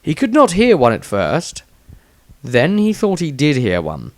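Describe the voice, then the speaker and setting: Reading a fantasy adventure script in audiobook style, a male storyteller uses a slightly high voice with wildly swooping pitch and dramatic emphasis. He goes a little slowly, and there's no room sound.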